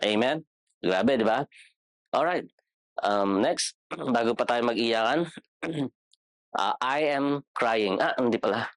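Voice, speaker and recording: A man's voice: fairly low pitch, no echo, studio quality. A man with a Filipino accent teaching a Bible class in a casual, chatty way, questioning his listeners and joking. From Philippines. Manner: chatty, asks the class questions, jokes, code-switches. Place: church classroom.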